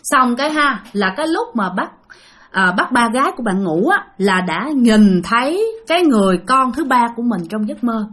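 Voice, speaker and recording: A woman's voice: on the high side, very animated, normal speed, fairly bright tone. A woman with a Southern Vietnamese accent telling a ghost story to her listeners in a rambling, casual way, full of fillers and self-corrections.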